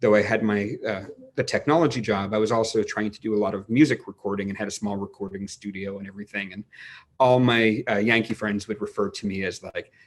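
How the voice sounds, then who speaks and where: A man in his forties from New England with a somewhat low voice, talking as a winemaker guest over a video-call mic. He gets carried away with enthusiasm, restarting his sentences as he rambles through explanations. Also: fairly even intonation, fairly quick. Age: 40s.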